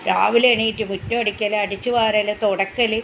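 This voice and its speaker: A woman's voice: mid-range voice, steady tone, moderate pace, creaky, a bit bright, slight background noise, poor audio. A middle-aged woman chatting casually to her viewers as a pet vlogger, rambling and restarting as she goes.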